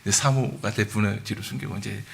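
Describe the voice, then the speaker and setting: A man in his thirties preaching a sermon in a church, telling a story with lively acted quotes and chuckles. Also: lowish voice, fast talker, gravelly.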